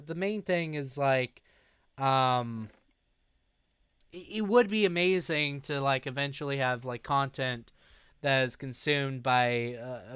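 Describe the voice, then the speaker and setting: A sleep-deprived young man chats slowly on his live stream and answers viewers' messages as they come in. His voice is clean and clear, in a dry, close room with no echo. He is relaxed and unhurried, drawing out his words. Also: mid-range voice. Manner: slow, sleepy, reads chat aloud. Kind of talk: casual live-stream chat.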